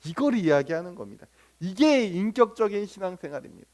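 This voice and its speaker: A man's voice: high voice, big pitch swings, a little fast, darkish tone. A male pastor preaching a sermon. He keeps asking the congregation questions, answers them himself, and acts out little everyday scenes. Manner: acts out remarks of church members and strangers in little sketches.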